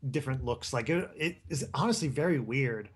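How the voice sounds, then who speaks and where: A man's voice: mid-range voice, animated, fairly quick, husky. A man chatting casually as co-commentator on a gaming stream, easygoing and a little hesitant in his phrasing. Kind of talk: casual chat. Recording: game music behind the voice. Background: video game music.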